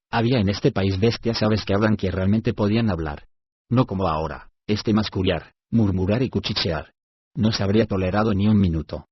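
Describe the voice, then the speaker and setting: Cranky deaf old dwarf lord, gruff and low, keeps asking "eh?", done by a male narrator, husky, dull lo-fi. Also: dry recording. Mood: grumbling. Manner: gruff, mishears everything, asks "eh?".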